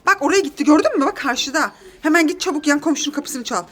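A woman's voice: high voice, expressive, fast talker, a bit bright. A mother in her thirties filming her kids at home, flustered and laughing as she urges them on. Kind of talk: casual family vlog. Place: apartment home indoors.

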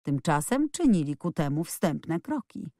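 Audiobook narrator, woman, lively swinging delivery, lowish voice, dry close studio sound. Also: normal speed, no echo. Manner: expressive, lively storytelling. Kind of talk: scripted narration.

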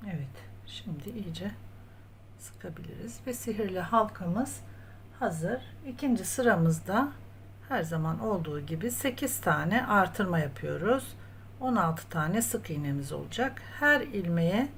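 A woman with a lowish, expressive voice and a slightly slow pace narrates a step-by-step crochet tutorial as she works. She counts her stitches aloud and talks to viewers as if they were friends. The recording is clean, with some room ambience.

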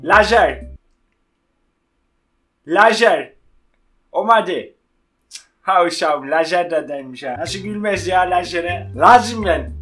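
High-pitched, giggly young man bantering in slang. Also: a little slow, fairly bright tone, faint music behind. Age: young adult. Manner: slangy, teasing, often breaking into giggles. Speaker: YouTube host and joke challenge contestant. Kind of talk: casual joking banter. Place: small room at home.

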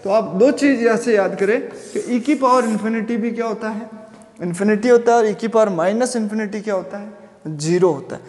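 A man's voice: high voice, a little mellow, reverberant, big-room sound. A man teaching a physics lesson, explaining step by step and asking the class questions as he goes. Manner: chants Sanskrit verses slowly. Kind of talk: classroom lecture.

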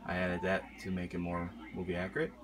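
This time his low-pitched voice runs fast, with noise in the background and music clearly audible. The man remains relaxed as he shows a collectible horror mask to his vlog audience, talking loosely with lots of ums and uhs, surrounded by horror posters indoors.

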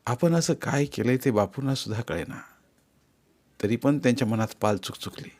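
A man narrating a novel in an audiobook with a steady, measured reading. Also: medium pitch.

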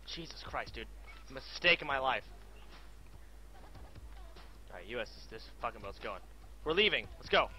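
A man streaming a game live, chatting casually, bossing his viewers around with excitable, profane outbursts. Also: mid-range voice, moderate pace, long pauses, a little hiss or hum.

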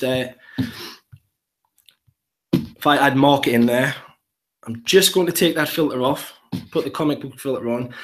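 A man with a Geordie accent, a primary school teacher, walking through an app demo step by step in an upbeat way. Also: medium pitch. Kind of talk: live app demonstration.

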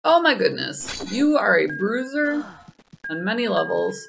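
A woman's voice: mid-range voice, sing-song, unhurried, vocal fry, background noise. A woman chatting through a video game as its streamer, playful and wry, often exclaiming.

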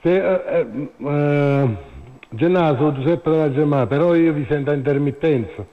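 A man calling in to a live show over a phone line, talking in a halting way with many fillers and repeats. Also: on the high side. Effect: heard over a phone line. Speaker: caller. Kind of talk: phone-in chat about football. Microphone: mobile phone.

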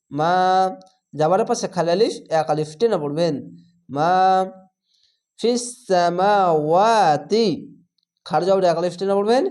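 A man teaching Quran reading step by step, slowly drawing out recited words between explanations. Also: high-pitched, a little mellow. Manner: slow drawn-out recitation alternating with instructive explanation.

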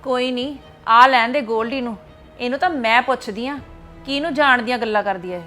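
Woman as cranky old mother-in-law, high sharp voice, always scolding. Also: brisk, faint music behind. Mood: indignant. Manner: scolding and indignant. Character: ailing, quarrelsome mother-in-law defending her sister. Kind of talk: Punjabi family web drama.

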